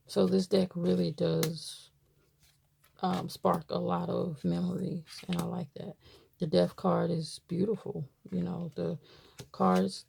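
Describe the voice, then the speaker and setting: A woman from Baltimore, USA, who reviews tarot decks, chats casually to camera, rambling with lots of fillers as she shows items. Her voice is lowish, gravelly and a little mellow, with a slight hiss or hum in the recording.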